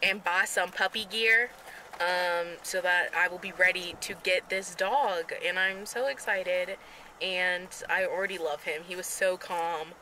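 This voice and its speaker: A young woman rambling excitedly in a casual vlog, talking to her handheld camera. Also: on the low side, a little slow, slight background noise, low-quality recording. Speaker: vlogger. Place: bedroom, then a parked car.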